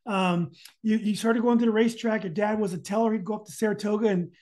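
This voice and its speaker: A man's voice: sits high, steady tone, quick pace, darkish tone. A man hosting a casual podcast interview, hesitant and often searching for his words.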